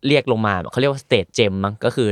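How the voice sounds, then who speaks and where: Male co-host, mid pitch, rapid animated delivery, dry close mic. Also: dry recording. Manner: animated, quick, uses casual slang. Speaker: podcast co-host. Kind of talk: casual gaming chat.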